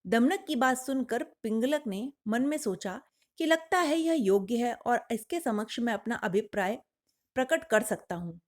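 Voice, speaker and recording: A woman narrates a children's fable with clear, measured delivery. Her voice sits somewhat high for a woman. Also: lively intonation. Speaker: storyteller.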